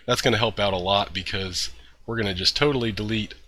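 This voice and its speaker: A man hosts a screen-recorded coding tutorial, relaxedly talking through the code steps in a fairly low, brisk voice. He is a little congested from a cold, and he uses fillers and clears his throat.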